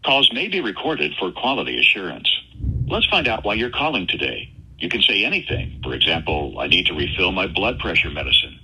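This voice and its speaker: A man's voice heard as a recorded phone menu message, giving automated pharmacy prompts in an even, announcing manner. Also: sits low, a little fast, slight background noise, poor audio. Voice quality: evenly paced, announcing manner.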